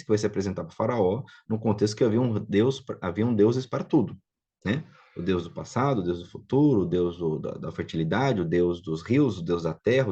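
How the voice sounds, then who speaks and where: A man's voice: on the low side, dark tone, slightly rough. A man with a Brazilian Portuguese accent giving an informal classroom lecture on biblical Hebrew, explaining step by step and often checking that his students follow. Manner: explanatory, checks understanding with frequent tag questions. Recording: dull lo-fi recording.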